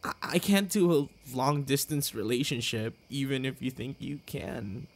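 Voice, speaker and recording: Voicing a heartbroken, tender young boyfriend for an intimate ASMR roleplay, a man with a mid-range voice sounds pained and earnest. His delivery halts and stammers, broken up by sighs.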